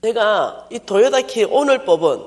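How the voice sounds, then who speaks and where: A woman pastor telling a personal story in a sermon, animated and self-mocking. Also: mid-range voice, measured pace.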